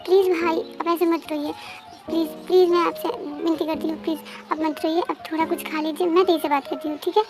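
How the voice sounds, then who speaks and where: A woman voicing a gentle pleading sibling. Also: very high-pitched, level tone, brisk, music in the background. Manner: soft, coaxing pleas.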